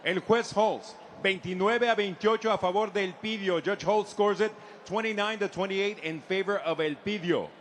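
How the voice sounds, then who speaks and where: A man's voice: high-pitched, a little hiss or hum. A man working as a bilingual ring announcer, making ceremonial fight introductions and decisions with showman flair. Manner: ceremonial, drawn-out showman delivery of fighter names.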